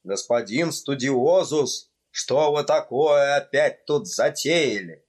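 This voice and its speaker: A male reader voicing a pompous older vice-principal in a storybook, spluttering and shouting in rage. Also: mid-range voice, expressive, slow. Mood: outraged. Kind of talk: audiobook character voice.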